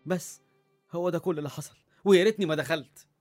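Brief: man voicing blustering young captive, Egyptian accent, talks fast. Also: a little high, a little mellow, no echo, faint music behind, lightly acted. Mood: defiant. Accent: Egyptian Arabic. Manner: blustering, stammers when scared. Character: young man captive on an island of women, defiant.

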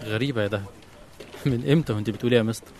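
A man's voice: on the low side, racing, darkish tone, slight background noise, close to an everyday voice. A man with an Egyptian accent playing a young businessman who stammers in disbelief. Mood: puzzled. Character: shocked young businessman betrayed by colleagues. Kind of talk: radio drama acting.

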